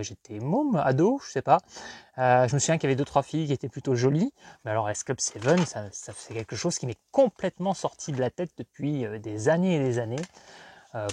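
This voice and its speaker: Rambling man sorting through old CDs. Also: on the high side. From France. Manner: rambling, self-questioning, bursts of excitement. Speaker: collector vlogger. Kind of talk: casual unboxing commentary.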